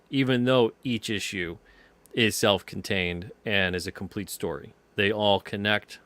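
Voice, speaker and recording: A man's voice: sits low, a bit bright. A man talking as an interview guest about his comic series, in emphatic, built-up phrases. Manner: emphatic, builds up phrases with pauses. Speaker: guest, comic book creator. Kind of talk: interview answers.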